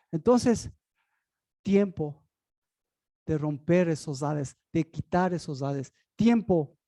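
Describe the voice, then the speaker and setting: A preacher giving a sermon, asking and answering their own rhetorical questions, with sudden swings from loud high cries down to low murmurs. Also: animated, drawn-out words, pauses often, rough recording.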